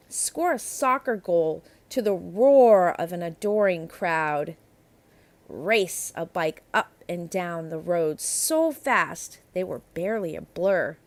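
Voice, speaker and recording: Reading a picture book for children, a woman in a mid-range voice narrates expressively, stressing and stretching out the important words.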